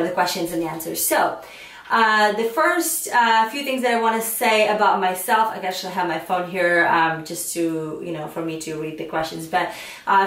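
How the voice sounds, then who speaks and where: A woman's voice: mid-range voice, distant mic. A woman in her thirties from Ukraine with a Ukrainian accent, chatting casually to camera as a makeup artist vlogger, with many fillers and restarts. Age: 30s. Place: home studio room, indoors. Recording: roomy echo, voice a bit off-mic.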